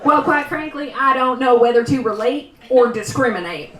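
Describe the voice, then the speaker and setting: A woman performing a live stand-up set, self-mocking and wry, now and then breaking into shouted bursts. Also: sits high, normal speed. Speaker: stand-up comedian. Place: small live venue. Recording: roomy live sound from a distant mic.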